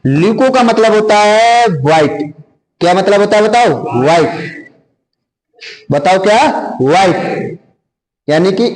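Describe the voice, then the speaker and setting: A man's voice: high voice, low-quality recording. A male science teacher running call-and-response drills in a classroom, asking the same questions over and over until the class answers. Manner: drills terms with repeated questions.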